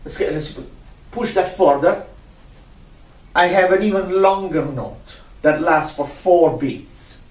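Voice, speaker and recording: A man's voice: sits high, slow pace, pauses often. A man teaching a one-on-one music lesson, patient, repeating himself and counting out rhythms. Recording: roomy sound from a distant mic.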